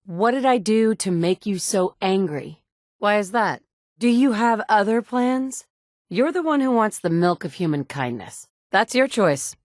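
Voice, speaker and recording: In a studio booth, an actress voices a player character in a video game: a tough, blunt woman who survives the wasteland and leads others, delivering short lines in a terse, firm, often curt way. Her voice is medium-pitched and a little mellow, with lively intonation and a measured pace, lightly acted. The sound is clean studio audio with no room sound.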